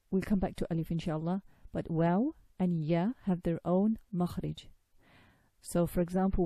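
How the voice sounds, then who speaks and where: A woman's voice: lowish voice, warm tone, no echo. A woman giving a recorded lesson on pronouncing sacred recitation, patiently explaining and demonstrating sounds by drawing out long vowels. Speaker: tajweed teacher.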